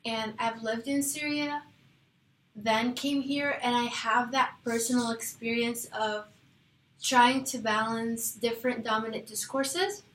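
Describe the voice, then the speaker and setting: A woman's voice: fairly high pitch, fairly even intonation, a little slow, a bit bright. Young woman from Iraq, hesitant. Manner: hesitant, with fillers and self-corrections. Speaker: student presenting a research proposal. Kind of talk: casual class discussion. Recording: echoey room with faint noise.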